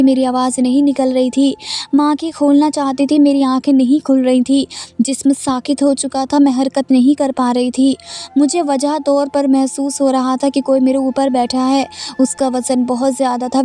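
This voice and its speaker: A woman telling a first-person story in a steady, even scripted narration. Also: sits high.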